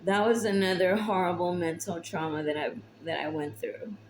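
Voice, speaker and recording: A young woman talking to camera about her hardships, emotional and tearful, halting with long pauses. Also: lowish voice, fairly even intonation, a little hiss or hum, poor audio. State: tearful, recently crying. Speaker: vlogger. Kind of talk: personal confessional talk to camera.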